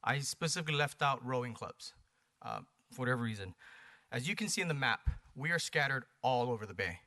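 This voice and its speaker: Animated and fairly quick, this Hawaii-born American presenter speaks in a mid-range voice that sounds pushed and bright. Addressing a planning commission on behalf of a paddling community, he makes an emphatic case through punchy lines and rhetorical questions.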